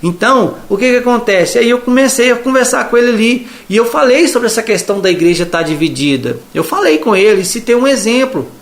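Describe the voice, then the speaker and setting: A Brazilian-accented man with a notably high voice tells a religious testimony. He speaks casually and acts out both sides of the conversations he recounts. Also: animated, brisk, few pauses. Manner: chatty retelling, acting out the dialogue. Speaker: evangelical believer giving testimony. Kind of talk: testimony storytelling.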